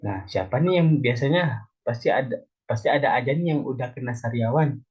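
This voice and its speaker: Man, young teacher, elementary school lesson, asks the class questions, breathy voice, dull sound. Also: mid-range voice, moderate pace, a little mellow. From Indonesia. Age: young adult. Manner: explains step by step, asks children questions.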